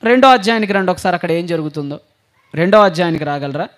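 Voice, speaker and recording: A man's voice: high voice, racing. A male preacher with a sore throat delivering a sermon, firing rhetorical questions at the congregation and answering them himself.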